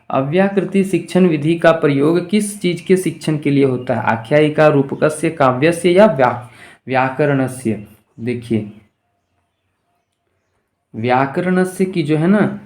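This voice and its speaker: Working through multiple-choice questions in an exam-prep class, this teacher reads them aloud and unpacks each with rhetorical questions to his students. His voice is fairly high and a little mellow, and his pace swings from drawn-out words to rapid bursts.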